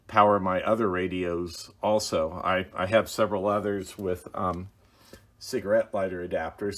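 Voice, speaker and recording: Hosting a hobby video, a man demonstrates something hands-on in a relaxed way, his voice sitting low. His speech is plain, methodical and somewhat halting.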